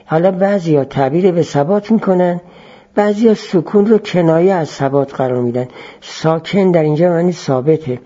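A male teacher lecturing on philosophy at a measured pace, returning to his key phrases to make them stick. His voice is dark and mellow, a little higher than usual. The lo-fi recording sounds muffled. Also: slightly rough. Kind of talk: explanatory classroom lecture.

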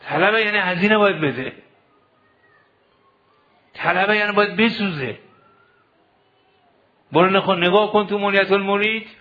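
A man's voice: high voice, pauses often. A man preaching a sermon to seminary students, exhorting them with rhetorical questions. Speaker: cleric teaching seminary students. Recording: dull lo-fi recording.

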